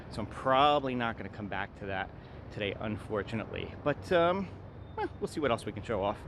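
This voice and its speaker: A man with a fairly low voice talks casually to his viewers as he vlogs around a city. His delivery is informal and chatty. Urban ambience and traffic noise are clearly audible around him. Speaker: vlogger. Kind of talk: casual walk-and-talk vlog narration. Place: out and about in busy city streets and venues.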